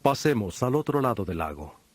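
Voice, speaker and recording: An actor playing Jesus as a solemn, patient teacher with authority in a dramatized audio Bible, speaking in a measured, preaching delivery. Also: male voice, mid-range voice, very animated, close to an everyday voice. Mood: firm. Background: music.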